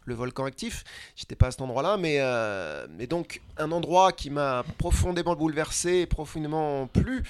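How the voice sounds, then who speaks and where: A man telling his travel story in a casual, lively interview, running through lists of places. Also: fairly high pitch, normal speed, clear, resonant tone, no echo. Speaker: guest, traveler and speaker. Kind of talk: conversational storytelling.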